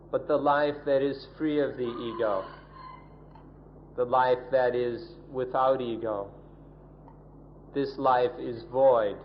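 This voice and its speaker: A man renders a sermon in English with calm, even phrasing, moving through lists one item at a time. He speaks very slowly, and the old recording is dull with a light hiss. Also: mid-range voice. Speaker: interpreter of the sermon.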